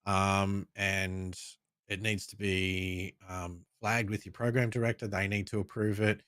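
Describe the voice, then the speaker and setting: Low-voiced radio man. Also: measured pace, no room sound, studio quality. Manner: relaxed, explanatory, many ums. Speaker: radio presenter, guest. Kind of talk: casual chat.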